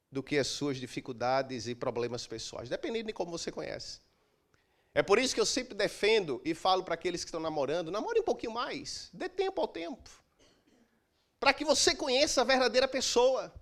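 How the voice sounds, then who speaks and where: A middle-aged man preaching a sermon as pastor, emphatic, with dramatic pauses and swings from loud to soft. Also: high voice. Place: church.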